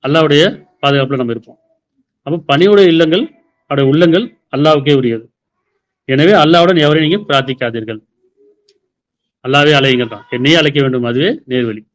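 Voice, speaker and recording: Tamil man preaching a sermon. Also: fairly high pitch. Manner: explains verses with rhetorical questions.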